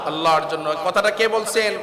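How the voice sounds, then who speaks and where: A man's voice: high voice, normal speed, noisy background. A Bangladeshi man preaching an Eid sermon as an imam, exhorting the congregation and prompting them to answer back. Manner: recites Arabic verses within the talk. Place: large reverberant mosque, congregation behind. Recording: echoey mosque PA with crowd.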